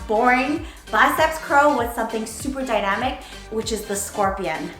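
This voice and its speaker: Her voice sits a little high with a sharp edge as she coaches a workout in a casual demonstration, tossing out playful, hyped gym-bro slang. She's a fitness coach and presenter, recorded in a very echoey room over background music.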